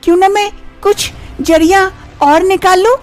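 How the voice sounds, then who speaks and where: A very high, girlish voice plays a worried young wife, acted by a woman. She pleads and frets in this animated story. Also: moderate pace. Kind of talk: storybook voice acting.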